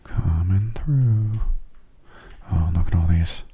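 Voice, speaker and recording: A gaming video host offers calm, unhurried ASMR commentary on gameplay, musing aloud in a soft, breathy voice that often nears a whisper. He is low-pitched, and the sound is lo-fi.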